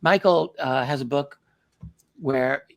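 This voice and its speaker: A man with a gravelly, medium-pitched voice interviews a documentary filmmaker in a conversational style. He phrases his questions thoughtfully and somewhat hesitantly, often pausing and doubling back.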